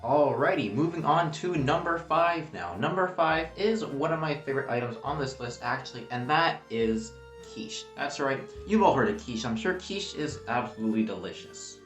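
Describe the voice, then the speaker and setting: A man's voice: medium pitch, animated, moderate pace, hardly any pauses, fairly bright tone, soft background music. Guy chatting through a food vlog, roomy echo, a bit far off the mic. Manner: chatty and self-deprecating, eating on camera. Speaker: food vlogger. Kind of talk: casual food vlog talk.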